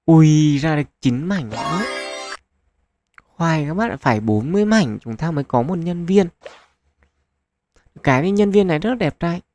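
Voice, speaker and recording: A man casually commenting on a mobile gacha game as channel host, chatty, thinking aloud with lots of fillers and getting excited at lucky pulls. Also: on the high side, moderate pace, pauses often, over music.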